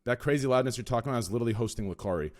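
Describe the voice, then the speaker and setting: A man's voice: medium pitch, rapid-fire. A young man hosting a casual podcast with friends, brash and swearing, talking straight to his chat. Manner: brash, swearing, talks to chat, loud impressions. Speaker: streamer and podcast host.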